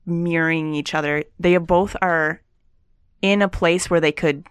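Clear-voiced woman in casual chat. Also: low voice, steady tone, a little slow, no room sound. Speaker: podcast co-host.

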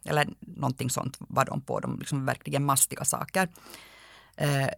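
A woman with a Finland Swedish accent speaks in a measured, explanatory way and often pauses on a filler. Her voice has a gravelly edge. The sound is close and dry. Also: a bass voice, flat delivery, dry recording. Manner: measured, explanatory, frequent hesitations. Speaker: dictionary editor. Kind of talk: radio interview answers.

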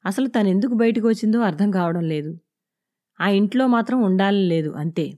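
A woman reading a serialized audio novel in a steady, subdued, measured way. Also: medium pitch. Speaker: audiobook narrator.

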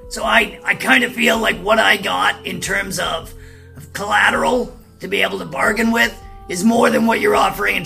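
Male tabletop player, high-pitched, very bright forceful voice, blunt colloquial banter, casual. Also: creaky. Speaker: player in a tabletop role-playing game. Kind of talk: casual in-character improvised chat.

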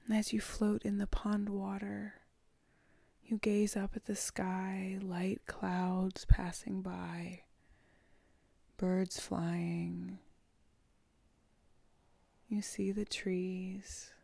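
A woman leads a guided meditation, drawing out each phrase very slowly and often sinking into a whisper. Her voice is mellow and a little gravelly, and she keeps it level with little rise and fall. The recording is close and dry. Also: medium pitch, flat delivery, no room sound. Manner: slow, soft and soothing, often whispered.

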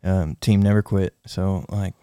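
A man's voice: sits low, little pitch movement, unhurried, warm tone, no room sound, clean studio sound. A man with a Missouri accent, chatting casually on a podcast. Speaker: podcast cameraman.

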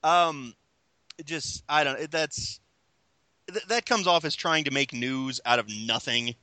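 Male podcast host, very bright forceful voice, slightly high, hesitant and chatty, dry close sound. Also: unhurried, dry recording. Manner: chatty, hesitant, many fillers and restarts. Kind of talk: casual chat.

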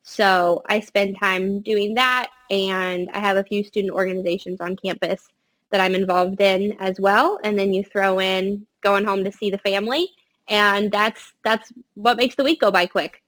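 A young adult woman giving casual interview answers in an upbeat, earnest way, speaking from a quiet room. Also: mid-range voice, fairly even intonation, a little slow, low-quality recording. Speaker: podcast guest, family farm-consulting business co-runner. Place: quiet space in a college library.

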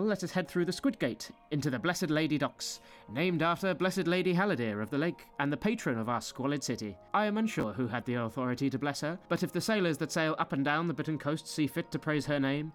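A man's voice: medium pitch, lightly acted. A man voicing a sly, grim male city tour guide in a fantasy story, theatrical and sardonic, relishing grisly details. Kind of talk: scripted fantasy narration.

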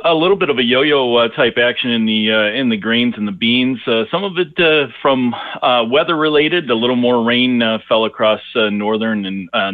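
A man's voice: mid-range voice, no room sound. A man speaking as a market analyst over a phone line, answering interview questions in a hesitant way with many fillers and restarts. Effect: heard over a phone line. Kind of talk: casual radio interview answers. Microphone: telephone. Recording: tinny dry phone line.

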